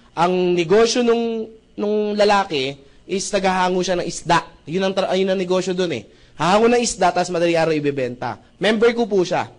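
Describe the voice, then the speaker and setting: A man presenting membership benefits to a live audience in a joking sales talk, often checking in with the crowd with rhetorical questions. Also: high-pitched. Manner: jokey, with frequent rhetorical "tama ba?" checks; addresses the audience as brothers and sisters.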